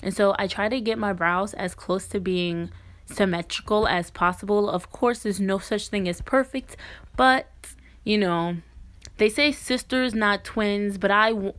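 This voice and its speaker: A beauty vlogger with a medium-pitched, fairly bright voice does a makeup tutorial voice-over. She talks informally and directly to viewers in a casual, chatty way.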